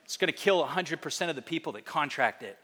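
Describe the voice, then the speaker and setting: Bright-voiced pastor preaching in a hall. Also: male voice, fast. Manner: animated, acts out quoted voices in a higher pitch. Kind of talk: sermon.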